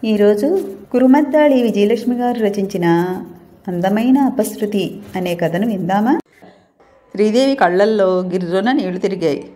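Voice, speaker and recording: A woman reading a romantic story aloud as the channel's storyteller, expressive and voicing the dialogue with feeling. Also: medium pitch, moderate pace.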